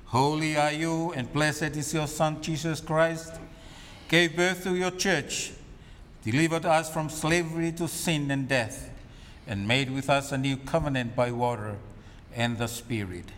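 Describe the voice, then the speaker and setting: Man, cathedral-like echo, slightly high pitch, solemn minister, formal liturgical recitation, short measured phrases. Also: fairly even intonation, a bit bright, a little hiss or hum. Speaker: minister leading communion. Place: large reverberant church. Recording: long cathedral-like echo, reverberant hall.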